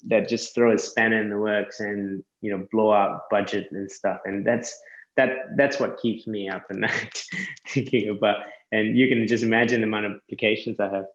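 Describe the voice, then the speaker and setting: Low-pitched guy explaining land surveying stuff, casual chat, echoey dull-sounding room. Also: little pitch movement, normal speed. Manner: explains step by step, self-correcting asides.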